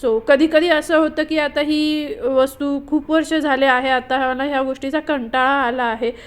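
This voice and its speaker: A woman's voice: high voice, fairly even intonation, moderate pace. A woman chatting through a home vlog voice-over, explaining her cleaning routine with frequent fillers. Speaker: vlogger. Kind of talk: casual voice-over vlog narration.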